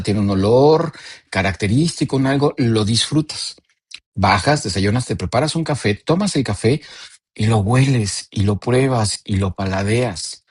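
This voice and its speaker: A man in his forties with a Mexican accent, speaking in a low voice that has a husky edge. He explains things calmly and patiently, with a dry, close sound and no room echo. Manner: calm, explanatory, personal anecdotes. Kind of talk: talk on emotions.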